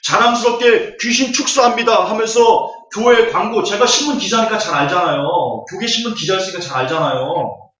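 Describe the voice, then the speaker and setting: A man's voice: high voice, a little fast, few pauses, fairly bright tone. Scornful preacher man, echoey hall. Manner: scornful, rhetorical questions. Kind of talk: Bible lecture sermon. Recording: echoey hall, distant, dull audio.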